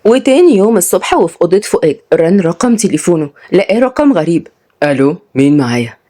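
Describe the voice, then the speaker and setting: A woman's voice: mid-range voice, expressive, fast, mellow. A woman storyteller with an Egyptian Arabic accent, narrating a romance story.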